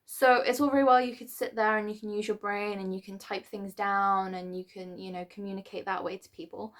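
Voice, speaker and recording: A woman giving a casual, rambling tarot reading to a star sign, with many fillers and restarts and now and then clearing her throat. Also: medium pitch. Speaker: tarot reader.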